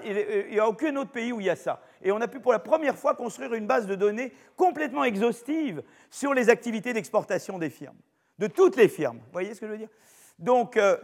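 Older french guy lecturing, kinda high voice, rambly with lots of euh, big echoey lecture hall. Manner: chatty, digressive, many fillers and restarts. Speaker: professor lecturing. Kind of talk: university lecture. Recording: long reverb of a lecture hall.

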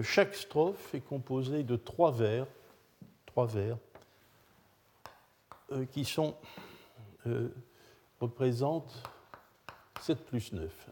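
A man's voice: medium pitch, dark tone, slight background noise. An older man lecturing to an audience in French, hesitant, with frequent filler sounds. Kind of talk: academic lecture.

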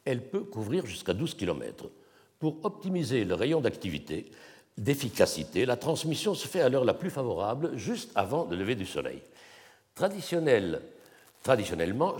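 A man giving an academic lecture at a symposium, measured and explanatory, sometimes sounding out tones with his voice. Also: fairly low pitch, a little mellow. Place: lecture hall. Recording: long reverb in a hall.

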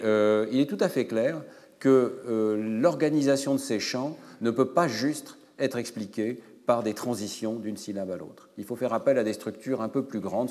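Lecturer, man, low-ish voice, hesitant explanatory delivery, long hall reverb. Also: a little mellow. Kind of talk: academic lecture.

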